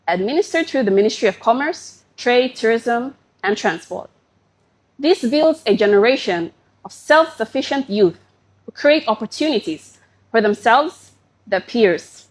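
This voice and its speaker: A young woman from Papua New Guinea delivering a formal, prepared pageant speech in a poised, measured and deliberate manner. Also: on the high side. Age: young adult. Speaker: pageant contestant.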